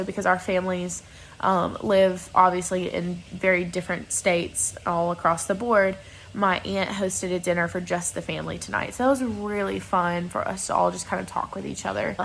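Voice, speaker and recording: A young woman vlogger speaks in a candid, informal way, at a middling pitch. The delivery is chatty and unscripted, like a personal confession. There is some faint noise in the recording. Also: creaky, a bit bright, low-quality recording. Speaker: vlogger, bride-to-be. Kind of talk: casual confessional vlog chat.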